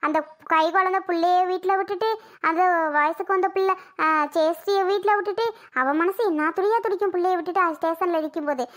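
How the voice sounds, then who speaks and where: A woman voicing a weepy, wailing old mother. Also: brisk. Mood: tearful, aggrieved. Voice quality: wailing, complaining, high and bright. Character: grieving elderly mother, tearful and aggrieved. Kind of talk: animated cartoon voice acting.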